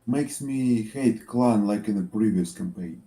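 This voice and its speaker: A man talking casually as a tabletop game player, halting and exasperated. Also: fairly low pitch, dark tone.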